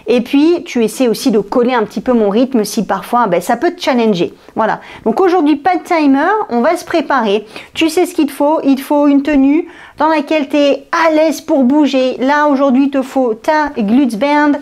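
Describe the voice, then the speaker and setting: A woman's voice: sits high, moderate pace, few pauses, a little mellow. A woman fitness coach with a slight accent, talking the viewer through a workout in an upbeat, directive way. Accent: slight foreign accent. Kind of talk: workout instruction.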